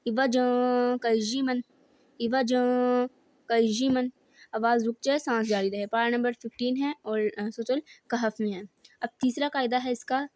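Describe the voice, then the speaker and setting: Soft-spoken woman teaching Quran recitation. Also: a little high, dry recording. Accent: Pakistani Urdu. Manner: patient, explains then recites slowly, drawing out words. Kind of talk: step-by-step recitation lesson.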